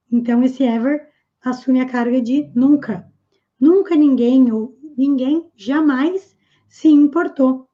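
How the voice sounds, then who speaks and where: A woman English teacher explaining a lesson, patiently repeating English phrases slowly and clearly. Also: sits high, muffled recording.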